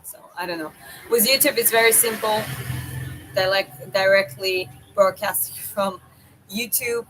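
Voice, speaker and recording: A woman with a Georgian accent chats casually as a live streamer, thinking aloud in a halting way. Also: mid-range voice. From Georgia (country). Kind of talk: casual livestream chat. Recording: clear background noise.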